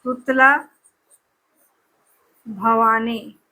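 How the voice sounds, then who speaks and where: A woman's voice: fairly high pitch, fairly even intonation, extremely slow, sharp tone. A woman teacher giving an exam-prep lesson, drilling place names with memory tricks and repeating each answer over and over.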